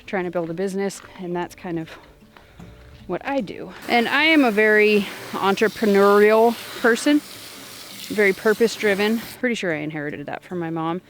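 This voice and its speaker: A young woman vlogging outdoors on her homestead, talking casually in a rambling, distracted way with lots of fillers, a little out of breath. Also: mid-range voice. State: slightly out of breath. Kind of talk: casual vlog talk.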